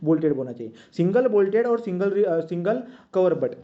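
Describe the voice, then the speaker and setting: A man's voice: high voice, sing-song, brisk. A man teaching a drawing lesson, talking as he draws and checking often with "right?". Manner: talks while drawing, many checks like "right?". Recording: dull lo-fi sound.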